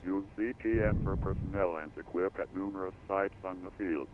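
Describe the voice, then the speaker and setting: Deep male automated airport weather broadcast. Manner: flat, clipped reading of codes and numbers. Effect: automated airport weather broadcast over radio. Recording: tinny radio band over faint hiss.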